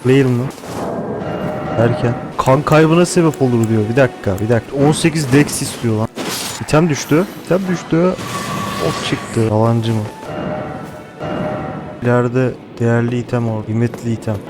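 Brief: excitable male gaming host, mid-pitched voice, chatty play-by-play over game music. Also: moderate pace, long pauses, poor audio. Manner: excitable, swears casually, thinks aloud. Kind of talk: casual gameplay commentary.

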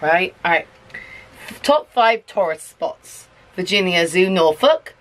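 A woman's voice: lowish voice, animated, slow pace. A mother reading a picture book aloud to her toddler in a coaxing, sing-song way, stopping to ask him questions. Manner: coaxing, sing-song, stops to quiz the child. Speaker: parent reading to her child.

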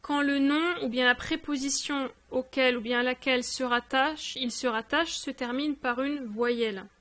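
A woman's voice: high voice, fairly even intonation, normal speed, fairly bright tone. A woman teaching a grammar lesson, explaining patiently, repeating examples and addressing the learner informally. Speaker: language teacher.

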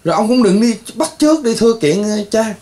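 A male priest with a high-pitched voice. He rambles, scolds and lectures his listeners, often breaking into exclamations. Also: expressive, a little fast, warm tone. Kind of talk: scolding talk to patients.

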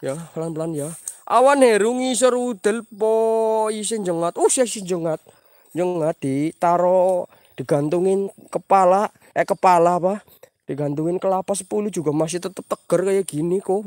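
A man's voice: high-pitched, a little mellow, no echo. A man hosting a live night ghost-hunt stream outdoors, jumpy and praying aloud while he walks and reads out viewer names. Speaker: livestream host exploring at night.

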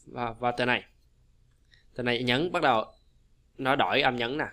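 Male teacher, bright tone, chatty and repetitive, slows down to model words, from Vietnam. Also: medium pitch. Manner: chatty, repetitive, quick asides with slow modeled English words. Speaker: English pronunciation teacher. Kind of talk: casual explanatory lesson.

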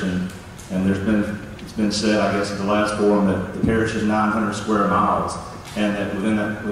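Middle-aged guy, lowish voice, keeps restarting, echoey hall, hissy far-off recording. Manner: halting, restarts often. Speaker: sheriff candidate at a forum. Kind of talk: public forum answer. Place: large church hall, indoors. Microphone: handheld mic, filmed from far.

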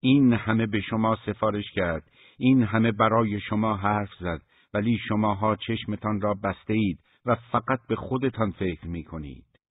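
A stern mother scolding her grown sons, voiced by a male audiobook reader. The voice is low and somewhat husky, and the recording is thin and phone-like with a dry sound. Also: dry recording, natural voice. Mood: reproachful. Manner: scolding, forceful.

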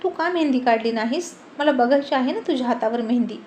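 A woman's voice: high-pitched, brisk, darkish tone, slight background noise, close to an everyday voice. A woman voicing a teasing, protective young man who also turns possessive. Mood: teasing, caring. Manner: playful teasing, turning possessive and stern.

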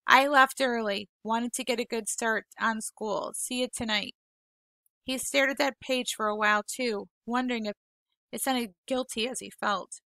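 A woman teacher reading a novel aloud to her class, unhurried and gentle, apologizing now and then when she stumbles over words. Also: on the high side, fairly even intonation, creaky, no echo. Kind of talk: read-aloud storytelling.

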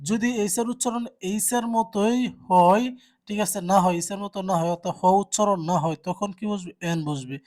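Tutor, grammar lecture, mid pitch, asks questions then answers them himself. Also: fairly quick, darkish tone. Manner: asks rhetorical questions and answers them, frequent check-ins. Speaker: teacher. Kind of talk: exam-prep grammar lecture.

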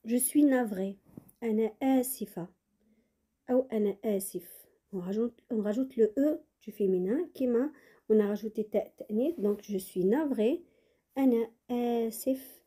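A woman teaching French phrases in a lesson, saying model sentences slowly and repeating them, with quick explanations in between. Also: fairly high pitch, dark tone, slightly rough. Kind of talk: bilingual language lesson.

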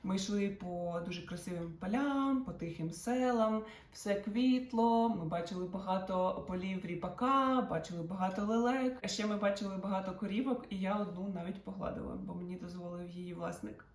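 A woman's voice: mid-range voice, brisk, few pauses. A woman vlogger talking casually to her viewers, chatty and self-mocking, addressing them directly. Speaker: travel vlogger. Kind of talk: casual talk to camera. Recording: roomy and distant from the mic.

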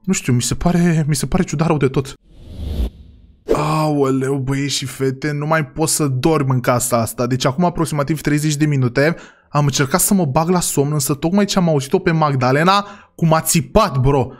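Excitable high-voiced man commenting a game. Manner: excitable, exclaiming, talks straight to viewers. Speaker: gaming channel host. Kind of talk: role-play game commentary to viewers.

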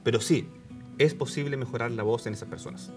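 A man, a voice therapist on a TV show, explaining patiently with animated intonation. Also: medium pitch, fairly quick, music in the background. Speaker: voice therapist guest. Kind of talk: explanatory TV interview.

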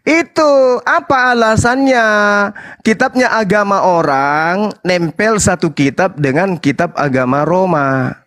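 A man with a notably high-pitched voice argues in a heated debate. He taunts and mocks his opponent while hammering his questions home, speaking over a call. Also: lively intonation, a little slow, a bit bright. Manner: taunting, mocking, presses questions.

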